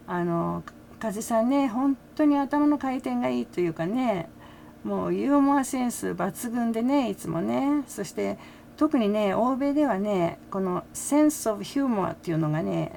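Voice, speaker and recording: A middle-aged woman talking casually about a concert, full of fillers and soft laughs. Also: medium pitch, vocal fry, a little hiss or hum. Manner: chatty, many fillers, frequent soft laughs. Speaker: fan reaction vlogger. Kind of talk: casual commentary.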